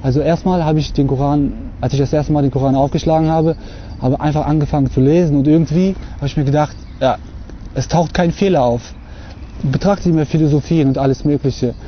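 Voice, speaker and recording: Speaking briskly with fairly even intonation, a young Russian man with a slightly high voice delivers an earnest, hesitant testimony to camera outdoors on a lawn, using lots of filler sounds. The audio, from a camera mic at close range, is slightly dull and lo-fi with slight background noise.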